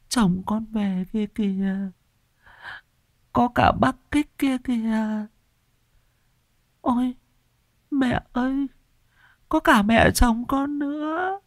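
A man voicing a grieving young pregnant widow who pleads in a wailing, breathy, delirious way. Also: sits high, dry recording, clean studio sound, pitched above the performer's own voice, full character voice.

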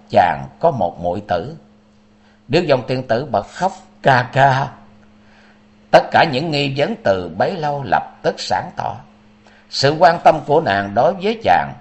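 A male storyteller with a lively, swinging pitch and a mid-range voice, reading dramatically. He narrates at an even, measured pace. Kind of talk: audiobook narration of a martial-arts novel.

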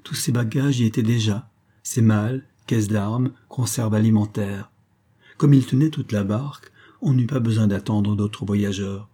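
A man narrating a classic novel as an audiobook, reading in a measured, dramatic way. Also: lowish voice, fairly even intonation, dark tone, slightly rough. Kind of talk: scripted narration.

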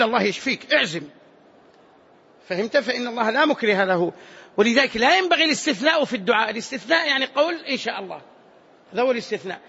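A man teaching a hadith lesson in a large mosque, lively and acting out pleading voices. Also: extremely high pitch, vocal fry, slightly rough. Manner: lively, acts out pleading voices, colloquial asides. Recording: dull lo-fi mosque recording.

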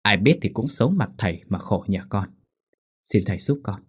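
A man voicing a calm, scheming older woman who pleads in a low voice. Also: normal speed, slightly rough. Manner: pleading, cool.

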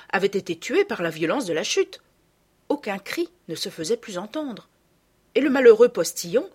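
Breathy woman reading a storybook. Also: mid-range voice. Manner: expressive, measured reading. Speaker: audiobook reader. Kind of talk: storybook narration.

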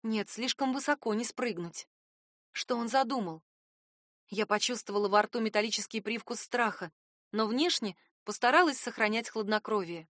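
Woman, audiobook narrator, first-person, tense dramatic reading, high voice, dry studio sound. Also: moderate pace, fairly bright tone, no room sound.

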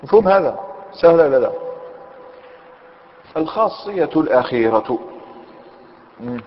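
A man's voice: fairly high pitch, animated, measured pace, slight background noise. A man teaching a grammar lesson, explaining step by step and often checking with his students. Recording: dull lo-fi recording in a reverberant hall.

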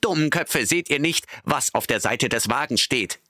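A man voicing a cynical old male donkey in an audiobook, shouting urgent warnings. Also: mid-range voice, lively intonation, unhurried, dry recording, clean studio sound, pitched above the performer's own voice. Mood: alarmed.

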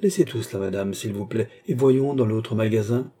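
A man's voice: on the low side, normal speed, mellow, breathy edge. A man reading aloud and voicing a sly, fawning furniture merchant with wheedling sales talk.

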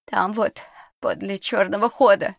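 A creaky frightened old cook. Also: female voice, medium pitch, fairly even intonation, a little slow, no echo, clean studio sound, voice pushed up. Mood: pleading. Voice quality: creaky, pleading.

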